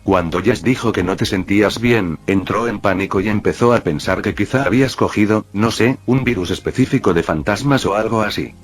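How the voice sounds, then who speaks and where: A man's voice: fairly low pitch, brisk, hardly any pauses, faint music behind, close to an everyday voice. A man voicing a casual, easygoing teenage boy sidekick in a read-aloud fan story.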